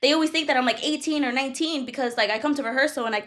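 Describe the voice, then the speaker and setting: A woman's voice: high voice, very fast, a bit bright. A woman in her twenties from Brooklyn, a podcast guest talking casually with many "like" fillers. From Brooklyn, New York. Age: 20s. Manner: easygoing, many "like" fillers, laughs easily. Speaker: guest, choreographer. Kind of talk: casual interview chat.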